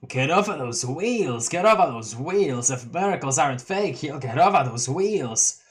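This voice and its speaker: A man's voice: fairly high pitch, animated, moderate pace, natural voice. A man reading as a drawling stoned clown boy. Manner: drawling, stoned, fumbling over words. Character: mellow laid-back clown troll boy.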